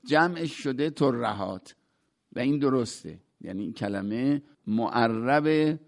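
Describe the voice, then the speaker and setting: A man's voice: mid-range voice, animated, creaky. Man patiently explaining classical verse. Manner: recites verse lines, then glosses each word plainly. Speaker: teacher explaining classical poetry. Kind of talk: conversational lecture.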